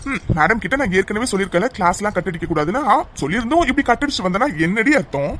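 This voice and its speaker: A playful, protective young man in an animated story, voiced by a performer, teasing and reassuring in a middle-pitched voice. A faint hiss of noise sits under his lines. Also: very fast, natural voice. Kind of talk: animated cartoon story dialogue.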